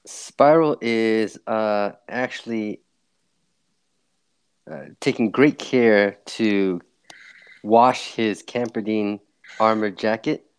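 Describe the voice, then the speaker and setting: A man with a somewhat low voice describes his character's actions in a tabletop game. He talks slowly and casually, with plenty of fillers. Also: fairly even intonation, clear, resonant tone. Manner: slow, with fillers. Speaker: player. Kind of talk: casual chat.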